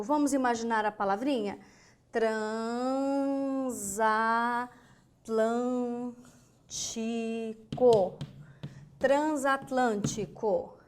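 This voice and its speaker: A woman's voice: high voice, a little mellow. A Brazilian woman teaching an online grammar lesson, spelling out words syllable by syllable and posing questions to the students. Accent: Brazilian Portuguese. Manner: slow, emphatic, spells out syllables and asks rhetorical questions.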